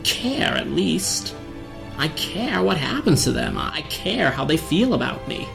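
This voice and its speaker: A woman voicing a mischievous male spirit of chaos in a dramatic comic reading, with gravelly, mock-sweet, hammy stage-actor delivery. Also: deep voice, sing-song, measured pace, over music, full character voice. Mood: anguished.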